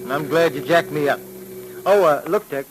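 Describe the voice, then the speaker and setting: A man playing a breezy, excitable sidekick cop on old-time radio. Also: a little high, moderate pace, background noise, lightly acted. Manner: chatty, excitable, slangy. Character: breezy, eager young male sidekick cop. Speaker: police partner of the detective. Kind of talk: 1940s radio drama acting.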